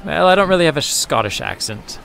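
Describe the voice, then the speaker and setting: A man's voice: a little high, sing-song, fairly quick, gravelly, a bit bright, slight background noise. A man hosting a children's science podcast, explaining facts step by step in a playful, friendly way. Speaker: host of a kids' science podcast. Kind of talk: educational podcast narration for children.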